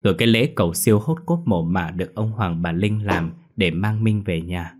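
A man narrates a ghost story in a low, husky voice. He tells it slowly and mournfully, in a steady storytelling manner.

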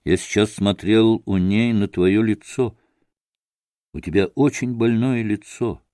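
A man reading an audiobook, voicing a gentle, timid younger brother who speaks softly and pleadingly. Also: fairly low pitch, a little slow, no echo, studio quality, close to an everyday voice. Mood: earnest. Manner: soft and pleading.

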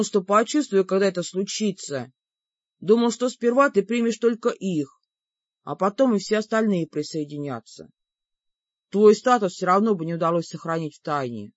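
A woman voicing a gruff, grumbling male demon in an audiobook. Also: mid-range voice, no room sound, close to an everyday voice. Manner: grumbling, reluctant. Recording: dull lo-fi dry recording.

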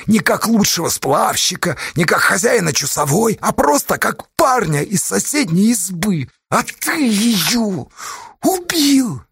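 A man's voice: high voice, lively intonation, a little slow, creaky, hardly any pauses, a bit bright, slightly rough, dry recording, clean studio sound, pitched above the performer's own voice, exaggerated voice. A man voicing a guilt-ridden young man who answers in bitter, anguished outbursts.

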